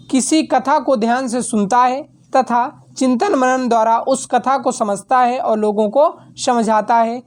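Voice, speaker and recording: A young adult woman teacher reading out exam answers at a steady dictating pace, now and then correcting herself mid-word. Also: on the high side.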